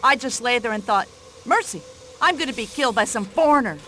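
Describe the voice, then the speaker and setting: An actress playing a pushy, talkative middle-aged American widow who complains indignantly, with an American accent. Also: female voice, a little high, expressive, brisk, bright, forceful tone, slight background noise, low-quality recording. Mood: breathless fright. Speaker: witness in a radio-style drama.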